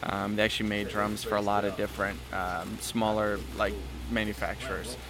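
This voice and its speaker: Easygoing low-voiced man, crowd behind. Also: brisk. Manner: relaxed, easygoing, many fillers. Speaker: artist relations manager. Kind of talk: casual interview.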